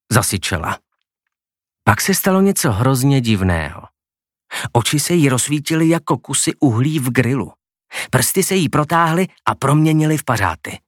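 Audiobook narrator, male, expressive, mid-range voice, dry close recording. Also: medium pitch, dry recording. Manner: expressive, acts out the characters.

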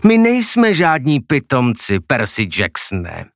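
A man voicing a menacing female teacher who is secretly a winged monster, speaking slowly and threateningly in an audiobook. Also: mid-range voice, wildly swooping pitch, dry recording, studio quality. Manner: slow, hissing, threatening. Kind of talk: audiobook character voice.

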